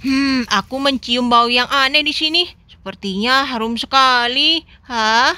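A woman's voice: high voice, a little slow, bright, forceful tone, no room sound. A woman voicing a curious stranger following a smell in a game role-play, murmuring as she goes.

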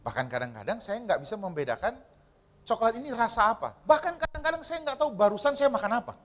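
A male pastor preaching a sermon to his congregation, animated and often asking them questions. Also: extremely high pitch, quick pace. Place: church hall.

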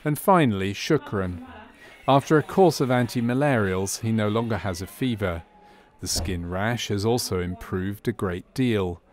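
Speaking at a moderate pace, a fairly low-voiced man explains things as a narrator of a medical training film would, in scripted documentary style.

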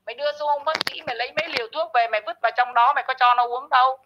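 A woman's voice: high-pitched, fairly even intonation, rapid-fire, noisy background. A woman hosting her own channel, ranting and scolding someone who is not there in a harsh, insulting commentary monologue. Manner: scolding, insulting, addresses absent target directly. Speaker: channel host. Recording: muffled lo-fi audio.

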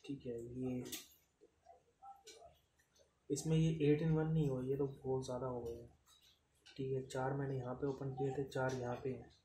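A man, casually demonstrating camping gear in an unscripted way and filling pauses with "theek hai". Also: mid-range voice, little pitch movement, mellow. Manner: unscripted, repeats "ठीक है", counts items aloud. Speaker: product reviewer. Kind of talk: casual unboxing demo. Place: room with tiled floor, indoors. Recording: echoey tiled room, noisy.

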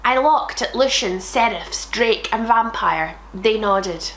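A woman's voice: a little high, takes it slowly, fairly bright tone, roomy sound. A woman reading bad fanfiction aloud for comedy, sarcastic asides, laughing and swearing at the text.

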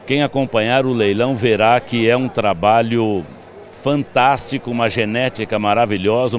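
A Brazilian man in his fifties giving an on-location interview as a cattle expert into a handheld microphone. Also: medium pitch. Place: outdoor evening livestock fair. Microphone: handheld reporter's microphone.

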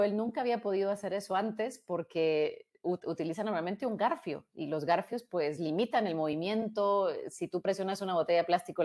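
Her career story comes out casually and reflectively: a woman in her thirties with a Guatemalan Spanish accent, restarting words often and adding tag questions. She has a lowish voice and is heard through an earbud headset on a video call from a small room.

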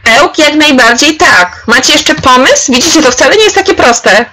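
A woman's voice: high voice, lively intonation, normal speed, sharp tone, rough recording. A woman leading an online workshop for teachers, demonstrating an activity on screen. She is chatty and encouraging and calls participants by name. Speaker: trainer leading a webinar for teachers.

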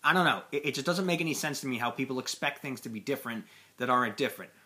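A man's voice: mid-range voice, very fast, pushed and bright. A young American man delivering an exasperated, conversational stand-up style rant, recorded in a small room at about arm's length from the device. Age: young adult. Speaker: amateur comedian. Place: small plain indoor room.

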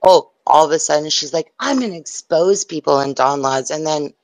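In a live audio chat room insult exchange, a woman fires off hostile, foul-mouthed jabs into her phone. She speaks at a normal speed in a low, slightly mellow voice, and the recording is dry.

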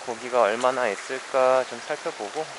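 Stream noise runs behind this casual first-person fishing narration, captured on a head-mounted action camera. The man, alone on a shallow mountain stream, mutters to himself in a wry, weary way, his mid-range voice at normal speed.

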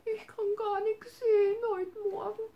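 A woman's voice: little pitch movement, a little slow, dull audio, slight background noise. A woman voicing a little sick male bunny who is whiny and tearful. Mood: whimpering. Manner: high, tearful and whimpering.

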